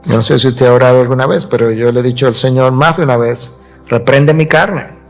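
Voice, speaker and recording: A man's voice: medium pitch, fast, creaky, faint music behind. A pastor preaching a sermon, teaching from scripture and changing his pace for emphasis.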